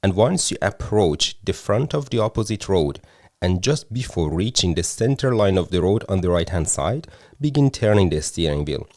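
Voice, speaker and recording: A man working as a driving instructor, calmly explaining each step to a learner in a car. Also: sits low, moderate pace, no echo. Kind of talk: instructional talk and voice-over. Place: inside a car.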